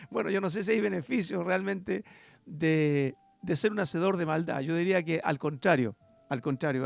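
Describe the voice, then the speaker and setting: A man's voice: high-pitched, vocal fry, darkish tone, no room sound. A man pastor giving a rambling, self-deprecating Bible teaching, often calling out to his listeners as brothers. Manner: rambling, self-deprecating, with frequent "hermanos" asides. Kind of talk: radio-style Bible teaching.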